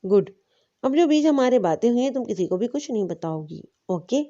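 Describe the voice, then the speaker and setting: A woman's voice: fairly high pitch, sing-song, mellow, muffled recording. A woman voicing a scheming young husband who sweet-talks his wife. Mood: coaxing. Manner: sweet-talking, persuasive.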